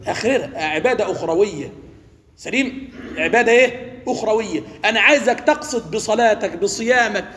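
Quick high-voiced Egyptian preacher. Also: male voice, lively intonation, a bit bright. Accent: Egyptian Arabic. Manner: asks questions and lets the class finish his sentences. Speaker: religious teacher. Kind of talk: interactive religious lesson. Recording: echoey hall with faint ambience.

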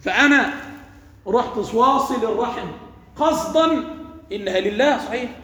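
This man teaches religion interactively, asking questions and letting his class finish what he starts to say. He speaks with an Egyptian accent in a very high, fairly bright voice at normal speed, recorded in an echoey hall with faint ambience.

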